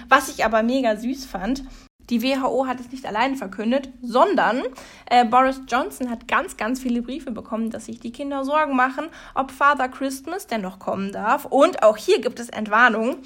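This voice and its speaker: A woman's voice: a little high, normal speed. A woman talking alone at the desk in her room, chatting in a playful, self-mocking way with lots of jokes. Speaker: vlogger. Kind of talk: humorous casual monologue.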